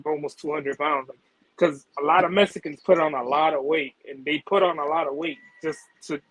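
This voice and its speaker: A man's voice: fairly high pitch, fairly bright tone, dry recording, low-quality recording. A man chatting casually about boxing on a podcast, laid-back and slangy, laughing easily.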